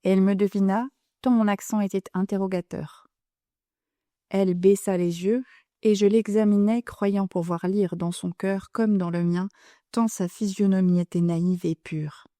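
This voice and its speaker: Woman, audiobook narration, measured, composed, mellow tone, dry close sound. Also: medium pitch, steady tone, no room sound. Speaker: audiobook reader. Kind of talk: audiobook narration of a classic novel.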